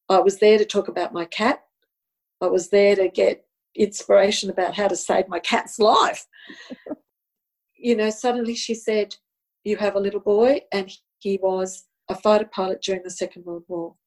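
A woman with a medium-pitched, somewhat dark voice tells a personal story as a guest, earnest and reflective, often repeating words. She is described as Italian and is from Australia, and the audio quality is poor. It's casual storytelling.

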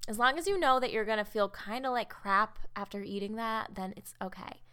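A woman's voice: mid-range voice, a little fast, sharp tone, clear, resonant tone. A young woman in her twenties hosting a solo podcast, telling rambling stories in a chatty, giggly way. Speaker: podcast host. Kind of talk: casual solo chat.

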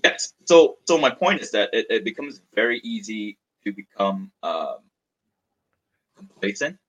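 In a candid interview, a Malaysian man in his thirties who founded a startup shares his story with some rambling and repeated words as he gathers his thoughts. He speaks a little slowly in a low, fairly bright voice with big pitch swings, and the audio is dull.

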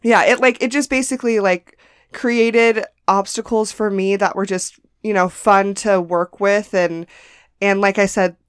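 Woman comedian from the US, podcast co-host, lively storyteller, smooth clear voice, dry close mic. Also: medium pitch, measured pace, dry recording. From United States. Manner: animated storyteller, acts out quotes. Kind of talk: casual chat.

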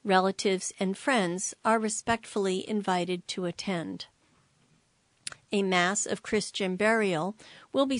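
A woman reading a newspaper aloud, giving obituary notices in a slow, measured and careful manner. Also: medium pitch, no room sound. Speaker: volunteer-style newspaper reader for a reading service for the blind. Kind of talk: read-aloud newspaper narration.

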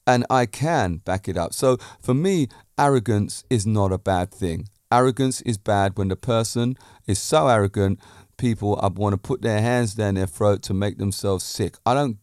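Speaking at a normal speed in a fairly low, darkish voice, a British man hosts a podcast and gives a confident pep-talk monologue full of forceful points and rhetorical questions. The studio-quality recording has no echo.

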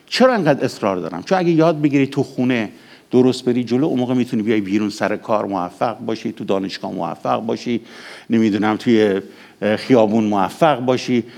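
A middle-aged male pastor preaching a sermon, swinging from raised exhortation to hushed, intimate passages. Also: mid-range voice, gravelly.

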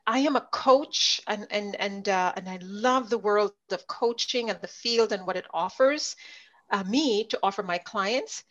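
A middle-aged woman from Jamaica, a leadership coach, telling her story in an interview with lively storytelling. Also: mid-range voice. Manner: animated storyteller, voices others in quotes. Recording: dull lo-fi audio.

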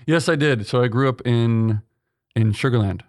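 A young male seminarian from Texas, USA, answers interview questions earnestly, with lots of ums and restarts. His voice is medium-pitched and moderately paced, recorded in studio quality with no echo. It's a conversational interview.

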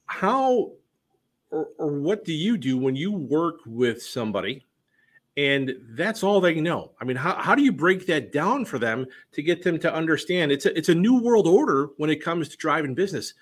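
A man's voice: a little high, sing-song, normal speed. A man hosting an interview who asks long, rambling questions, often repeating words as he goes. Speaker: interview host.

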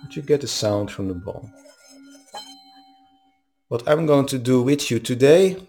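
A man leading a guided meditation as a teacher, speaking in a calm, soothing manner with long pauses. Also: mid-range voice, faint music behind. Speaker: meditation teacher leading a live online session.

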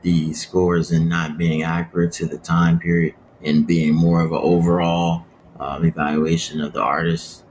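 A man on a podcast panel giving his scores and arguing his case earnestly, with halting restarts. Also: deep voice, little pitch movement, a little mellow, slight background noise. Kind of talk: casual podcast discussion.

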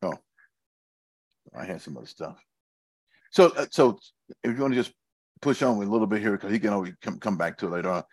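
A man's voice: on the low side, expressive, brisk, pauses often, slightly rough, no echo. A man co-hosting a casual chat, rambling and repeating himself, with loose grammar.

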